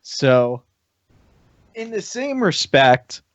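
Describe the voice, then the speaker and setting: A man on a toy-review podcast panel chats casually, hesitating and thinking out loud as he goes. His fairly high voice swings widely in pitch and moves very slowly, with no echo. The recording sounds slightly dull and lo-fi.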